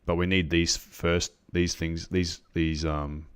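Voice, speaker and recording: A man on a live trading stream, explaining chart setups to viewers in a halting way, with many restarts and ums. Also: low-pitched, level tone, clean tone.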